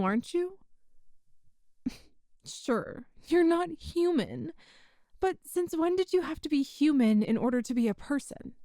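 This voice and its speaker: In an ASMR roleplay, a woman plays a kind, earnest human rescuer, speaking to the listener in a gentle, reassuring, folksy way. Her voice is high, and the recording is studio quality with no echo.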